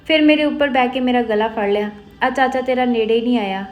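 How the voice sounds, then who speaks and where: A woman voicing a stubborn older village aunt who is in pain, speaking in a strained, husky voice. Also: a little high, fast, dull audio, lightly acted.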